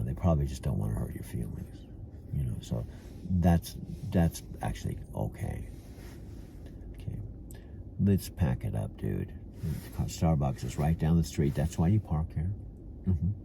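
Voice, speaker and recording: Sitting in a parked car, an older vlogger with a Californian accent rambles to himself in a self-talk monologue, calling himself "dude" and restarting often. His bass voice is creaky, and there is background noise.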